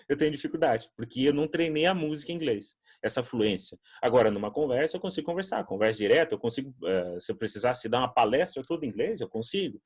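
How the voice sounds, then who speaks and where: A man's voice: mid-range voice, animated, quick pace, darkish tone, slightly rough. A man from Brazil teaching an English class online, talking conversationally and acting out quoted voices as he answers student questions.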